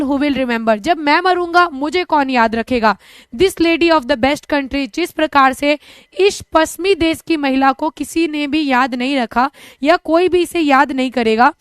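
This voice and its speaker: A young woman with an Indian accent runs a live online lesson. She talks in a chatty, joking way, flipping between two languages. Her voice sits high, and the sound is close and dry with no room. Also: no echo. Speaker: teacher.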